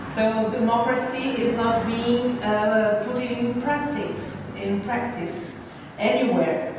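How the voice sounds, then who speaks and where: A native Portuguese woman with a Portuguese accent giving informal, thoughtful interview answers as an artist, pausing to find her words. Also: on the high side. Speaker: visual and performance artist being interviewed. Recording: echoey hall, distant mic, faint noise.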